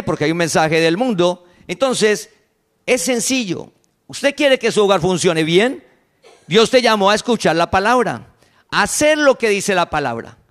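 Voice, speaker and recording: A woman with a Santander Colombian accent delivers a sermon in an emphatic way. She keeps asking her listeners rhetorical questions. When she quotes other people, she drops into a lower, acted-out tone. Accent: Santander Colombian Spanish. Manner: acts out quoted voices in a lowered tone. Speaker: preacher.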